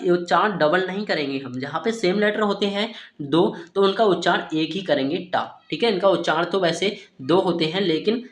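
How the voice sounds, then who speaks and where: A high-voiced man at a normal pace teaches Hindi speakers phonics, spelling English words one letter at a time. He tends to ask a question and answer it himself, keeps saying "ठीक है", and the recording sounds roomy and echoey.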